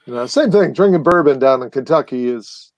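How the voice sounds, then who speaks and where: A man's voice: mid-range voice, lively intonation, brisk, no echo. A man appearing as a guest, telling long stories in a casual, rambling way with many fillers and restarts. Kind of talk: casual storytelling chat.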